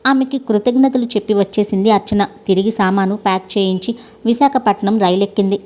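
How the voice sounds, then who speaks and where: A woman narrates a story in a steady, even storytelling voice. Her tone is mellow and warm. She speaks the characters' lines in the same voice as the narration. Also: mid-range voice, a little fast. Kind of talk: scripted narration.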